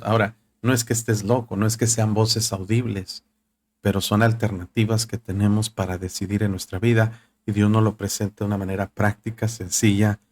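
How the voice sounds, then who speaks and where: A man's voice: lowish voice, a little mellow, a little hiss or hum. A male pastor preaching a sermon in a conversational style, with rhetorical questions and asides to the congregation.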